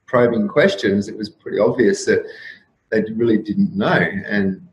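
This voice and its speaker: A man in his fifties, a guest on an interview show, musing in a rambling, reflective way with frequent restarts and soft laughs. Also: fairly low pitch, moderate pace. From Australia. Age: 50s. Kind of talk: casual interview talk. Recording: roomy echo with faint room noise.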